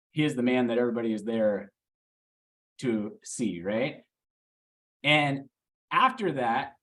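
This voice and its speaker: Brief: male sales coach, mid-pitch, animated storyteller, keeps asking the room questions. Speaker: real estate team coach. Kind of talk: training talk to a small team.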